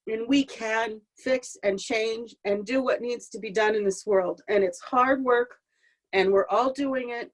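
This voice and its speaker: Woman, fairly high voice, emotional and near tears, leading Shabbat prayers, video call audio. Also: rough recording. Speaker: Shabbat service leader. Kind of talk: heartfelt spoken Shabbat reflection. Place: home meditation and prayer room.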